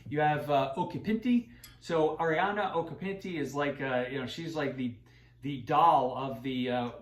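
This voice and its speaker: A man hosting a wine channel, talking casually and rambling with many fillers and restarts. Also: on the high side. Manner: self-deprecating. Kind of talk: casual unscripted talk. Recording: roomy echoey room.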